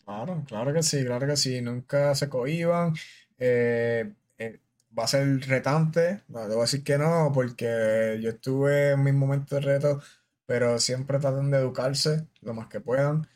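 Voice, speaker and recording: A man's voice: mid-range voice, measured pace, darkish tone. A man from Puerto Rico with a Puerto Rican Spanish accent, hosting a podcast interview in casual, earnest talk that often restarts and repeats words. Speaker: podcast host, army officer.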